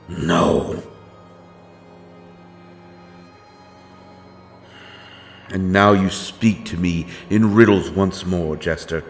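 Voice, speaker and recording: In a dark fantasy audio drama, a man voices a grim, righteous wandering avenger, his delivery solemn, archaic and deliberate. His low, creaky voice is heavily acted, and the mood is somber and troubled.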